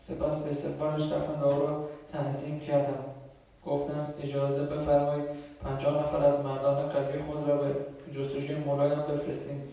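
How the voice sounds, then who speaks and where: A man reading scripture aloud in church, slow and measured, with small slips he corrects. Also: fairly high pitch, completely flat delivery, dark tone. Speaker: scripture reader. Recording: echoey hall from far off.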